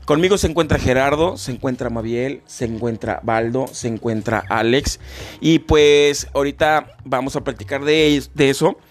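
A man's voice: medium pitch, normal speed. A man hosting a podcast in casual chat, rambling with many fillers and restarts. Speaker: podcast host.

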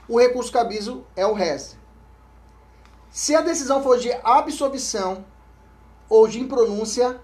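A Brazilian Portuguese-accented man gives an exam-prep law lecture with a darkish tone. He reads statutes out loud, goes over key points more than once, and keeps checking in with his listeners, often fading into a low murmur.

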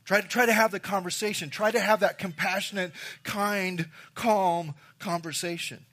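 A man's voice: sits high, steady tone, normal speed, fairly bright tone. A man preaching a sermon as pastor, emphatic, repeating key phrases and addressing the congregation directly.

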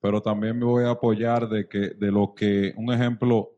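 A man's voice: fairly low pitch, little pitch movement, normal speed, dark tone, lo-fi sound. A man hosting an interview, rambling and searching for words as he asks his questions. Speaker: interview host. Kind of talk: casual interview chat.

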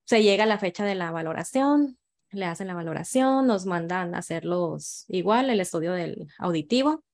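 A woman's voice: fairly low pitch, animated, moderate pace, darkish tone. A woman, telling her own story as a mother in a casual conversation, frank and emotional, with many restarts and repeated words.

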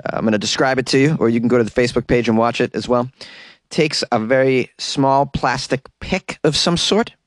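A man's voice: medium pitch, brisk, no echo, studio quality. A man hosting a comedy podcast, casually reading out odd news in a wry, mock-earnest way with rambling asides.

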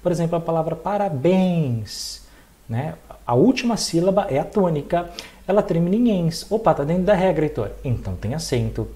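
A man's voice: a little high, fast talker. A young man with a Brazilian Portuguese accent teaching a recorded exam-prep lesson, asking questions and answering them himself. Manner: lively, asks and answers his own questions.

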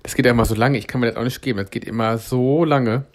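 Ein Mann moderiert ein lockeres Gespräch, redselig und mit ironischer Begeisterung. Seine Stimme liegt in einer mittleren Lage, weder tief noch hoch. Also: male voice, medium pitch, fairly even intonation, fast talker. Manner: chatty, enthusiastic and ironic. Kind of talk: casual chat.

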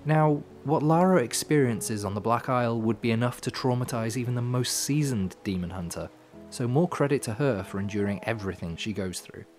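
A man hosting a podcast with scripted storytelling narration, in measured, dramatic phrasing with dry asides. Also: mid-range voice, a little mellow. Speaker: podcast host. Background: music.

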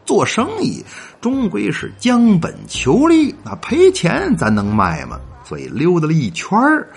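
A man's voice: sits high, huge pitch swings, a little slow, gravelly, husky. A man hosting a comic folk-tale show, chatty and playful, dropping rhythmic verse and asides to listeners. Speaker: storyteller host.

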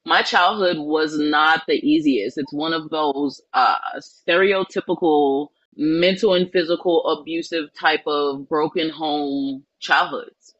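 A woman from New Orleans, a spiritual life coach, telling her life story in an earnest, reflective way with many pauses and ums. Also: deep voice, fairly even intonation, fairly bright tone, dry recording, dull audio. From New Orleans, Louisiana. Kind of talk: personal storytelling in an interview.

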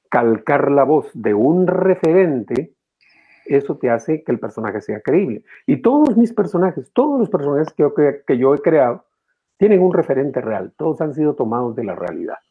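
Phone-quality audio captures a man, a voice actor and teacher, explaining his craft as an interview guest. He is animated and demonstrative, his pitch swinging widely.

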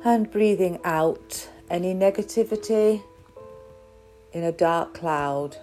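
A woman guiding a crystal meditation in a slow, soft, soothing way. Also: lowish voice, soft background music. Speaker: meditation guide.

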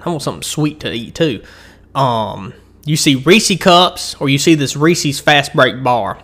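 A man's voice: mid-range voice, a bit bright. A man hosting his own candy-rating show, rambling casually through a review and chewing as he talks. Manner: rambling and chatty, with frequent restarts and ums; eating and chewing while he talks.

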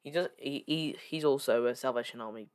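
A young man chatting through a solo podcast episode in a loose, rambling way. He keeps stopping to correct himself and fills pauses with ums. His voice sits at an ordinary middle pitch and is recorded dry, with almost no room sound. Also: no room sound. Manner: rambling, full of fillers and self-corrections. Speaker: podcast host. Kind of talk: casual solo podcast chat.

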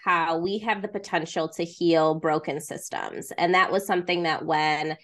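A woman's voice: sits low, fairly even intonation, moderate pace. A woman co-hosting a podcast, chatting in a friendly, loose way with lots of fillers. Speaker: podcast co-host and trauma therapist. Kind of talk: casual podcast conversation. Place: remote recording, far from co-host.

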